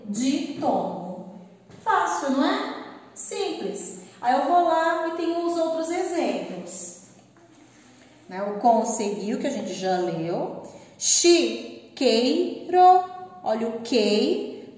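Woman, teacher, slow careful syllable-by-syllable delivery, bit high voice, distant echoey room. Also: warm tone. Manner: slow, patient, spells out syllables. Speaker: school teacher. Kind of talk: recorded classroom lesson for pupils. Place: classroom with a board. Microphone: camera at a distance. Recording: echoey room, far from the mic.

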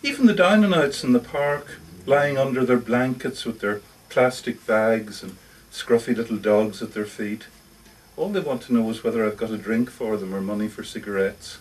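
At a live bookshop reading, a man performs a first-person short story monologue as a lonely, socially awkward older lodger who feels rejected and wistful. He's confiding, hesitant and defensive, correcting himself as he goes. His natural, mid-range voice moves at a moderate pace, but he's far from the mic and the audio is poor.

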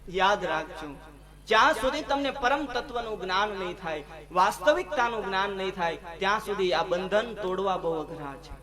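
A man's voice: high-pitched, expressive, a crowd in the background. A man, giving a devotional sermon and telling a story, acting out its dialogue in a folksy, emphatic way. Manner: folksy, narrates with quoted dialogue, slow emphatic lines. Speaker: katha storyteller. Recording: live gathering with audience audible behind.

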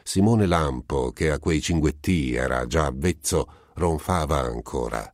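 Deep-voiced man reading a classic tale. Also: no echo, clean studio sound. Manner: measured, deliberate reading. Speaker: audiobook narrator. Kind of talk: scripted literary narration.

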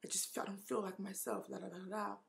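A Nigerian woman in her twenties tells a candid storytime vlog about dating, emotional and tearful, close to crying. She talks fast in a mid-range voice with little pitch movement and vocal fry, leaning heavily on "like" and cursing often.

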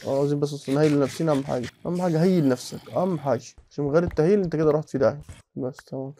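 A young man with an Egyptian Arabic accent, giving casual, excitable commentary while playing Minecraft, muttering to himself and now and then breaking into alarmed shouts. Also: a little high, racing, a little hiss or hum. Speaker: gaming channel host.

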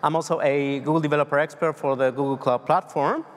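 Speaking fast in a fairly high voice with fairly even intonation, an Argentine man in his thirties with a Spanish accent presents at a tech conference. He is loose and hesitant, full of fillers and restarts. He stands on stage in a big, dark hall, and the recording carries long reverb.

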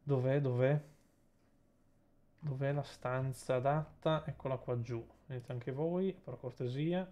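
A man's voice: medium pitch, unhurried, dark tone, highs cut off. A male Italian streamer in a casual group chat, joking, swearing and mumbling to himself while unpacking merch.

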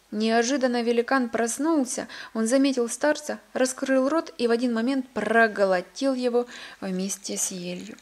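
A woman's voice: a little high, darkish tone, a little hiss or hum. A woman reading a children's storybook aloud expressively, with occasional slips and restarts.

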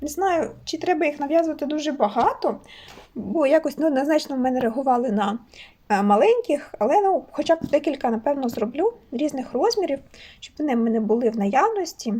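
In a casual vlog, this Ukrainian woman, cheerful and talkative, shows off the toys she crochets. She speaks briskly and expressively in a high, warm voice.

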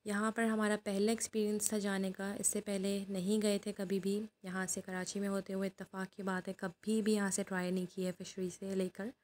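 A woman's voice: medium pitch, flat delivery, moderate pace, few pauses, a little mellow. A middle-aged woman from Pakistan, narrating her vlog in a chatty, instructive way. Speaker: vlogger. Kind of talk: voice-over narration.

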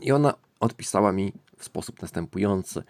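A man hosting a language-learning lesson, talking it through in a thoughtful, musing way and often pausing to find his words. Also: deep voice, lively intonation, a little mellow, no echo. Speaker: language-learning channel host. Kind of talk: explanatory screen-recording lesson.

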